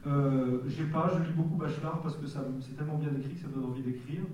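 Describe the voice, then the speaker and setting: A man in his forties from Nice, a guest author answering questions in a candid, halting way at a public event. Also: on the high side, steady tone, a little mellow, a little hiss or hum. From Nice, France. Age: 40s. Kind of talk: casual public Q&A. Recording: echoey hall from far off.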